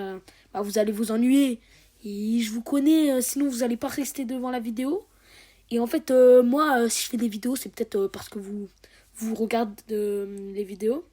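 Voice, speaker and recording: A woman's voice: a little high, dark tone. A teenage girl talking casually over her game footage, rambling and joking with lots of hesitation. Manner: rambling and jokey, with many hesitations. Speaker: gaming video creator. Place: home recording, voice dubbed over the game footage.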